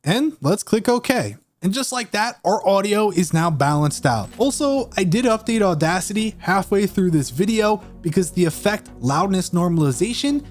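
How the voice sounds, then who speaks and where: A man presenting a screen-recorded software tutorial, walking through each step clearly. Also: high voice, expressive, moderate pace, few pauses, soft background music. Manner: clear, step-by-step instructional delivery.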